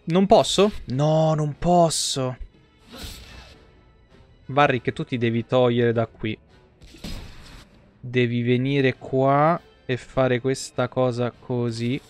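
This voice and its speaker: A man streams from a home setup, giving his chat blunt, sweary, casual commentary on a game while its music plays in the background. His medium-pitched voice is slow, with long pauses.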